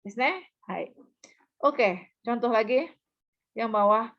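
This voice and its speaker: A woman's voice: fairly high pitch, animated. Patient woman teacher, muffled lo-fi sound. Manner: patient, explanatory, models example phrases aloud; checks understanding with quick asides. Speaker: Japanese language teacher. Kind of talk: recorded online lesson.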